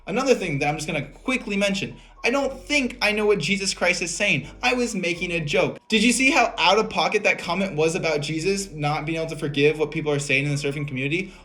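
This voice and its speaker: A man's voice: sits high, fast talker, few pauses, pushed and bright. A man vlogging casually, rebutting in an incredulous way with rhetorical questions. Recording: background music.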